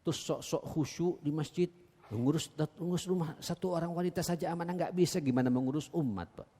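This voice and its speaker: A man with an East Javanese accent preaching a sermon in a mosque. He talks earnestly and keeps addressing the congregation directly, swinging between loud emphatic exhortation and low quiet asides. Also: fast talker, breathy edge. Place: large mosque hall. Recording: echoey mosque hall.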